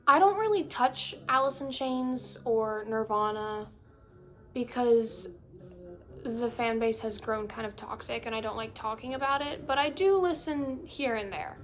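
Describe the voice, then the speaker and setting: Young female vlogger, fairly high voice, valley-girl inflection, self-interrupting ramble; phone recording, soft music behind. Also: unhurried. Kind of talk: casual chat to camera. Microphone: phone camera. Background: faint music playing.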